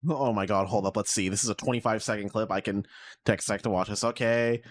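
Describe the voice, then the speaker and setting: A man's voice: on the low side, steady tone, fast. A man co-hosting a casual podcast, rambling and exasperated as he rants, with lots of fillers, heard through his mic on an online call. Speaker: podcast co-host. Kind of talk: casual chat.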